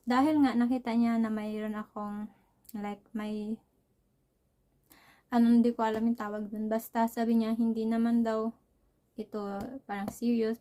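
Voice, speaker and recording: A woman's voice: fairly high pitch, warm tone. A young woman from the Philippines, telling a casual, rambling personal story and laughing often. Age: young adult. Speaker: vlogger.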